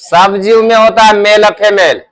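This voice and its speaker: A man's voice: high-pitched, steady tone, normal speed, fairly bright tone. A man teaching math to a classroom in a Bihari Hindi accent, quizzing pupils and scolding them. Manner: scolding, drills pupils with call-and-response questions.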